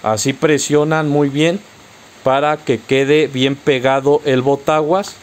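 A man's voice: fairly high pitch, fairly even intonation, slow pace, a little hiss or hum. A man with a Mexican accent narrating a step-by-step car accessory tutorial, patiently instructing viewers directly. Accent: Mexican Spanish.

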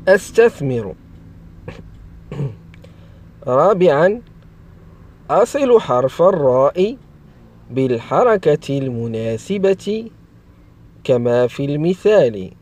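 A man's voice: fairly high pitch, sing-song, slow pace, pauses often, a little mellow. A man giving a reading lesson to young children, stretching and repeating each word to stress its sounds. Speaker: primary school teacher.

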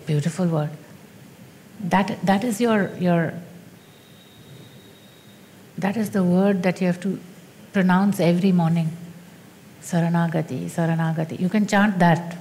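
A woman spiritual teacher speaking in a slow, deliberate and emphatic way in a teaching dialogue. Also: on the low side, darkish tone, in a large hall, slight background noise.

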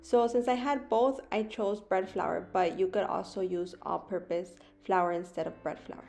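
A woman's voice: on the low side, steady tone, normal speed, creaky, darkish tone. A young woman vlogger narrating a recipe voice-over, explaining each step plainly. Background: guitar music.

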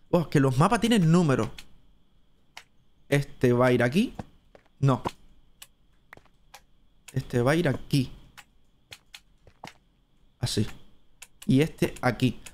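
Cuban man streaming gameplay, talkative and thinking aloud, voice sitting a bit high. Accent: Cuban Spanish. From Cuba. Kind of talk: live gameplay commentary.

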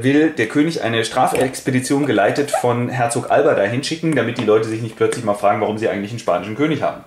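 Lively man retelling a classic play. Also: medium pitch. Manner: colloquial, breathless, acts out each figure. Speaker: host. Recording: echoey room, faint hiss.

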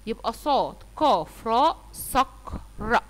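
A woman teacher with an Egyptian Arabic accent, slowly sounding out letters and words for young children and praising them often. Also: fairly high pitch, sing-song, a bit bright, in a large hall. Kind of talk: online phonics lesson for young children.

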